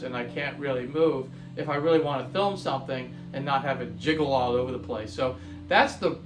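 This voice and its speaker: A man vlogging casually to the camera in front of a green screen, in an easygoing, rambling way. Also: fairly high pitch.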